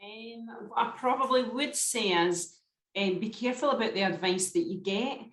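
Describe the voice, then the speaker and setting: A woman's voice: fairly high pitch, moderate pace. A woman in her forties, a skincare expert guest on a podcast, telling stories in a chatty way and often checking that she is understood. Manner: chatty storyteller, often asks "do you know what I mean". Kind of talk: casual podcast chat. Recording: roomy echo.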